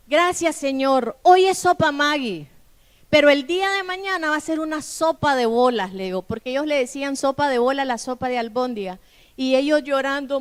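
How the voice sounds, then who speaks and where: Middle-aged woman pastor, high clear voice, testimony sermon with acted-out dialogue.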